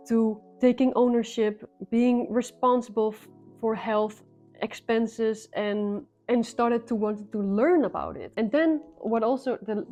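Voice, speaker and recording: A young woman from the Netherlands tells a personal story in an earnest vlog, speaking English as a second language with a Dutch accent. She often restarts her phrases, and her mid-range voice has a warm tone.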